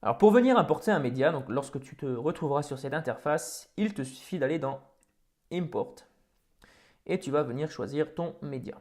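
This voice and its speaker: A man hosting a software tutorial, talking casually over a screen recording with many fillers and restarts. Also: a little high, animated, moderate pace. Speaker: tutorial host.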